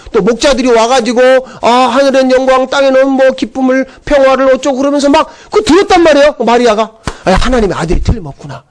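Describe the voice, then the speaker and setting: Man, pastor, sermon, very high-pitched voice, animated storytelling with acted outbursts.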